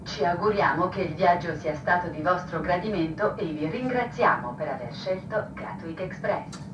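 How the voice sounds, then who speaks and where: A woman giving a formal, measured train public-address announcement, heard over the carriage loudspeaker. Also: lowish voice, animated, background noise. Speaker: onboard announcer. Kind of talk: pre-recorded multilingual onboard announcement. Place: inside a moving train carriage. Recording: muffled, echoey loudspeaker from far off, loud music.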